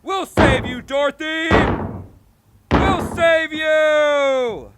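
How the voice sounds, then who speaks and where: A woman's voice: high-pitched, very slow. A teenage girl playing a devoted, emotional tin man in a stage play, earnest and theatrical, on a noisy recording. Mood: urgent. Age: teens. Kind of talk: high school stage play acting.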